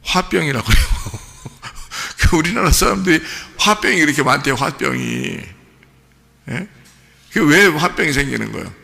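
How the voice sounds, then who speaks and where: A man's voice: on the high side, very animated, moderate pace, gravelly, pushed and bright, in a large hall. A male pastor giving a sermon in a conversational way, often asking the congregation questions.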